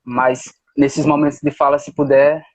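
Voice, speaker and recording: A man's voice: medium pitch, little pitch movement, normal speed, no echo. A man hosting a live stream, cutting in briefly and casually to talk with his guest.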